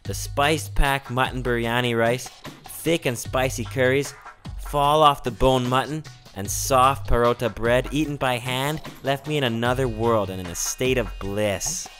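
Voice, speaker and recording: Measured male voice-over, soft music. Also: mid-range voice. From Canada. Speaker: narrator of a food vlog. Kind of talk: scripted narration.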